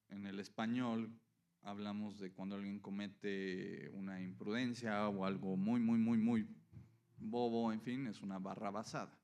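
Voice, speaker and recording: A man's voice: lowish voice, darkish tone. A man preaching a sermon, explaining scripture and often checking in with listeners. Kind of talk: sermon teaching.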